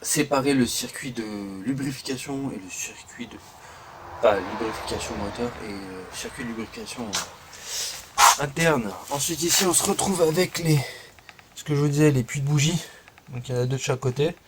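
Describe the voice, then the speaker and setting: A man films his car in a garage on a handheld phone, talking casually and stopping often with fillers. The recording carries a clear hiss of background noise. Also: mid-range voice, normal speed. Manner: chatty, hesitant with many fillers, pointing things out. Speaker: car enthusiast showing his car.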